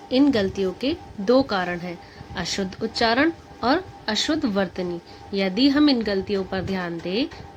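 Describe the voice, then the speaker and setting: Slow, careful woman narrating a lesson. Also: mid-range voice, rough recording. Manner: slow, even, careful pronunciation drills.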